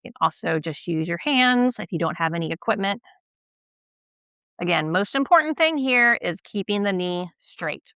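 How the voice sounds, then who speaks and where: Bright, dry-voiced woman leading stretches. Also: on the low side, lively intonation, moderate pace, dry recording. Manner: gentle, patient, checks in with "all right?". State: slightly out of breath while stretching. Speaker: stretching instructor. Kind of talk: guided exercise instruction.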